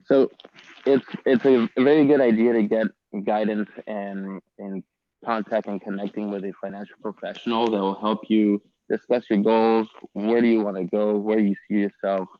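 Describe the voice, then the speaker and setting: Man, financial presenter, low pitch, crackly cutting-out mic, dull muffled call audio, hesitant fillers. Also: steady tone, dry recording. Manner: halting, with frequent fillers and restarts. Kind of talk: online seminar presentation. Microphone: earpiece headset on a video call.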